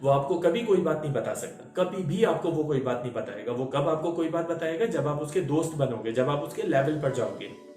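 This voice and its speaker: A man's voice: on the high side, lively intonation, a little fast, a little mellow. A man in his thirties giving an earnest parenting talk, repeating key lines and asking the audience rhetorical questions. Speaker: motivational speaker. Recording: echoey room with faint music.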